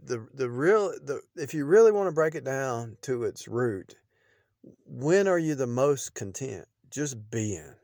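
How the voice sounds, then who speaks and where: A man's voice: mid-range voice, expressive, unhurried, creaky, no room sound. Middle-aged guy rambling about faith, lots of restarts, dry close sound. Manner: rambling, repetitive, with restarts and shifting loudness. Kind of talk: unscripted preaching monologue.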